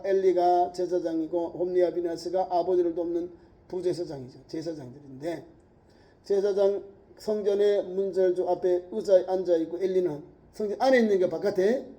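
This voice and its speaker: A man's voice: high-pitched, dark tone. A middle-aged male pastor preaching a sermon with emphatic rhetorical questions.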